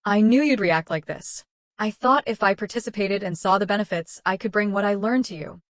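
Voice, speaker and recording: A woman's voice: mid-range voice, brisk, no echo, studio quality, lightly acted. A woman voicing a defensive young wife who insists and pleads, justifying herself. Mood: pleading.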